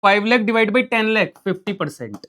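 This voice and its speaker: A man teaching accountancy in an online lesson, reading out numbers as he writes and firing quick questions that he then answers himself. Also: high voice, expressive, sharp tone. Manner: talks while writing, reading out numbers. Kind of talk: online lesson, solving on a board.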